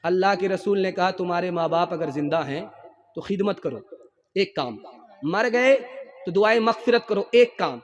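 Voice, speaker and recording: A man with a very high, ringing voice preaches to a gathered audience, his words trailing off into the long echo of a big hall. He tells stories and puts questions to the crowd, dropping to soft low asides and then rising to loud cries. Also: lively intonation, highs cut off. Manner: engages audience with questions and raised hands; swings between soft low asides and loud shouted lines. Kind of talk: sermon with storytelling. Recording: long reverb of a large hall.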